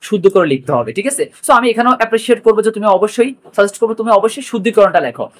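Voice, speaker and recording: A man's voice: sits high, lively intonation. A man with a Bangladeshi accent teaching an exam prep lesson, repeating key points and mixing in English words. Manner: rapid, repetitive, mixes English words.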